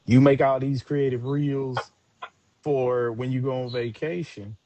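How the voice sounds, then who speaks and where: A man's voice: mid-range voice, fairly even intonation, measured pace, dark tone, slight background noise, low-quality recording. A man hosting a casual live chat, speaking in an emphatic, encouraging way. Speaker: live show host.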